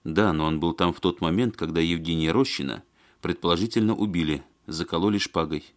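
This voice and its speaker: Man reading calm patient guy asking questions, lowish voice, slow and careful. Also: natural voice. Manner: calm, measured, gently probing. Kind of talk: audiobook character voice.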